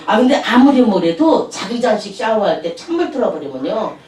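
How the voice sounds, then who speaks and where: A woman's voice: mid-range voice, sing-song, moderate pace, darkish tone. A woman pastor telling chatty anecdotes in a sermon, laughing often as she speaks. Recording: echoey room, distant mic.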